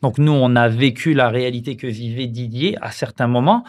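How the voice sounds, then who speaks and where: This medium-pitched speaker is a thirtysomething Frenchman who used to play football. Talking over his career in a casual podcast interview, he keeps stopping, hesitating, and starting his sentences again.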